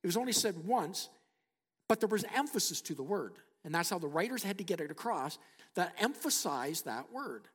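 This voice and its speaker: A middle-aged pastor preaches in a church sanctuary, his voice pitched high and swooping through a very lively range. He lingers on key words, sinking them into low, hushed tones. A long reverb of the hall trails each phrase. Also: slightly rough. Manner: dramatic preaching, slows and drops to near-whisper for emphasis. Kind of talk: sermon.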